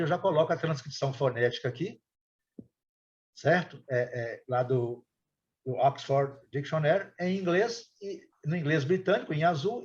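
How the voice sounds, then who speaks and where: Male language teacher on a video call, halting delivery, slightly raised pitch, lo-fi sound. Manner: hesitant, repeats words, many fillers. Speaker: English teacher. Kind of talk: online class explanation.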